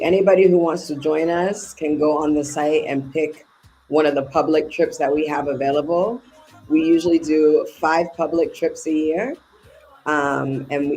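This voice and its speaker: A woman's voice: sits low, dark tone, slight background noise, poor audio. A woman managing travel bookings, explaining trip options in a casual interview, listing details with fillers.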